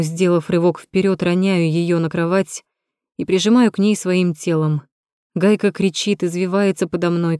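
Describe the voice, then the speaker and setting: A woman narrating a first-person novel in a steady, measured way. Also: on the low side, no echo, clean studio sound. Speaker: audiobook narrator.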